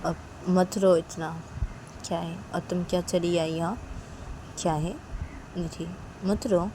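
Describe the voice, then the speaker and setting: A woman voicing a lovelorn young woman who confesses her love in a soft, halting, pleading way. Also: fairly low pitch, level tone, a little hiss or hum, rough recording.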